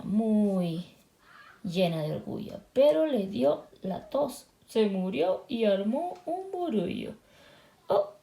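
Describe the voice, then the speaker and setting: A woman reading a picture book aloud to children, switching between two languages line by line and making lively sound effects. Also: fairly high pitch, gravelly. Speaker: children's storyteller.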